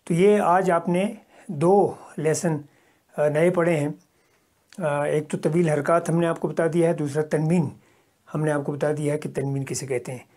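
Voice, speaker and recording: Mellow-voiced man teaching patiently. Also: a little high, steady tone. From Kashmir. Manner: patient, step-by-step explaining with repeated examples. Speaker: Arabic teacher. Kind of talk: recorded language lecture.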